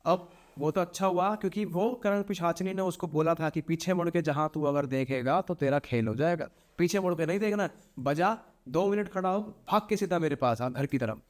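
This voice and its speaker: A man's voice: on the high side, moderate pace, few pauses. A young man, a podcast guest, telling a horror story dramatically, repeating phrases and acting out voices. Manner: animated, repetitive, acts out voices.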